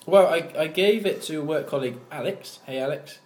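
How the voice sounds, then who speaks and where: A man's voice: a little high, fairly quick, darkish tone. A British man co-hosting a podcast in casual chat, jokey and laughing often. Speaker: podcast co-host. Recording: roomy echo, faint ambience.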